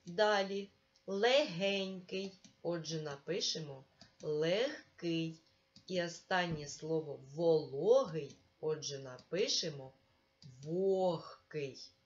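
A woman teacher talks a young pupil through a remote lesson, slow and patient and full of encouragement. Her voice sits a little low for a woman. The recording is dull and lo-fi. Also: a little mellow. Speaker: primary school teacher.

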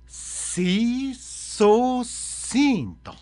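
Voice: medium pitch, sing-song, extremely slow, dark tone, dry recording. A radio host running a comic segment, punning and jumping between voices.

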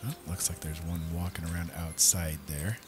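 This let's play host speaks low and at a moderate pace, with little pitch movement, musing casually as he plays. Behind his voice run game music and the sounds of outdoor nature.

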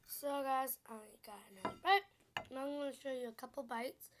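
A woman's voice: sits high, background noise. A young girl in a casual food vlog at home, chatty and giggly, often saying sorry, talking into a camera mic. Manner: chatty and giggly, quick to apologize. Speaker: vlogger. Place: home, indoors.

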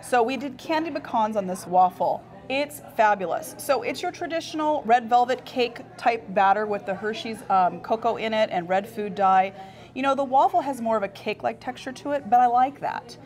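A woman's voice: a little high, moderate pace, darkish tone. A young woman co-hosting a restaurant show, chatting with bubbly enthusiasm and frequent laughs. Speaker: food show co-host. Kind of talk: casual food-show chat.

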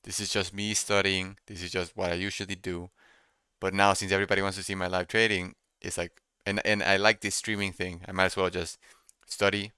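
Young man, crisp voice, dry close recording, casual streamer commentary, repeats himself. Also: low voice, flat delivery, fairly quick, pushed and bright, no echo. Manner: repeats phrases while musing to himself. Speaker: day trader streaming live. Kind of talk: casual live trading commentary, thinking out loud. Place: small room indoors at a computer desk.

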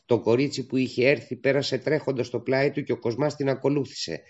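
A man narrating a literary audiobook in a steady, measured storytelling manner, on a dull lo-fi recording. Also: medium pitch.

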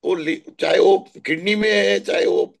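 High gravelly man, chatty storyteller. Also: unhurried. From Maharashtra, India. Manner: chatty, animated storytelling with asides. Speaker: spiritual guest answering questions. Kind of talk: casual spiritual talk.

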